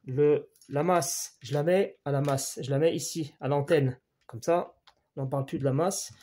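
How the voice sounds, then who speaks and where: A man's voice: fairly high pitch, fairly even intonation, normal speed, warm tone. A French-speaking man giving a hands-on electronics repair lesson, explaining each measurement step by step and talking straight to the viewer, often repeating his key points.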